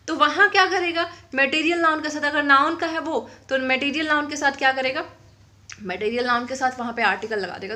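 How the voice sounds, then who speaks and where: Woman teacher going over grammar, bright clear voice, keeps asking "clear?", echoey room. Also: high-pitched. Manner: explains patiently, asks frequent check questions; dictates definitions slowly. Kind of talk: classroom-style grammar lesson.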